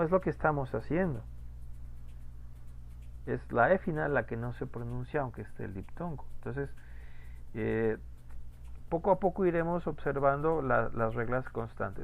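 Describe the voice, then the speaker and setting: Creaky-voiced male language teacher. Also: a little high, animated, moderate pace, phone-quality sound. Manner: patient, repeats rules, asks questions. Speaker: French pronunciation teacher. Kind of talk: online class explanation.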